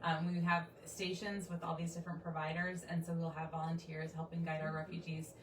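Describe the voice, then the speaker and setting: Flat-voiced woman in an echoey room. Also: low-pitched, a little fast, recorded from a distance, a little hiss or hum. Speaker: program manager. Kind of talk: explaining a program.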